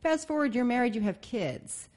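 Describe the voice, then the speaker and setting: A woman's voice: on the high side, animated, normal speed, darkish tone. A young woman co-hosting a casual podcast chat, talking loosely with lots of fillers and laughing often. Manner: chatty, giggly, filler-heavy. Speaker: podcast co-host.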